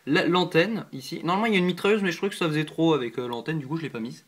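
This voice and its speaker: A LEGO builder racing along in a fairly high voice does a casual show-and-tell of his builds at home, recorded on a nearby camera mic. Hesitant yet chatty, he fills gaps with "euh", "hop" and "voilà" as he handles pieces, sprinkling in apologies and self-deprecating asides.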